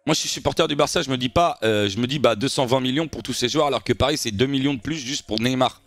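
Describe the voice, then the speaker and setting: Animated young man chatting to his stream. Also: mid-range voice, fast talker, dry recording. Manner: animated, keeps addressing his viewers as guys. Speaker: streamer reacting to football news. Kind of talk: casual live-stream chat.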